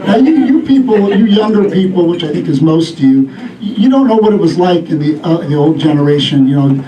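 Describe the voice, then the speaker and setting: A man's voice: on the high side, lively intonation, brisk, mellow, a little hiss or hum. A middle-aged man performing a stand-up routine, telling stories in a rambling way and acting out bits. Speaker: stand-up comedian. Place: live comedy venue with audience. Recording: echoey club room, distant mic, audience laughter.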